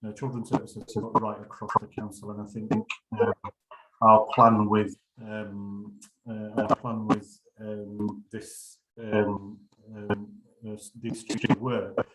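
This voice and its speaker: A man speaking in a remote council meeting over a video call, his voice bubbly and garbled as if underwater, and his delivery halting with many pauses. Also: lowish voice, monotone, crowd noise, poor audio. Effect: bubbly underwater-sounding garbled connection. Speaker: council officer.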